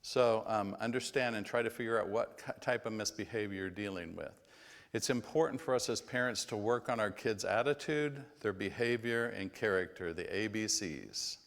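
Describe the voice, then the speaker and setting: Low-voiced male parenting class leader, folksy and down to earth, recorded in a reverberant church hall. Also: moderate pace. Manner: folksy, acts out yelling parents.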